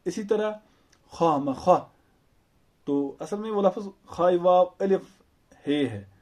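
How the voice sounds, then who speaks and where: A man teaching an Urdu grammar lesson, explaining slowly and patiently with repeated examples and rhetorical questions. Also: high-pitched, darkish tone.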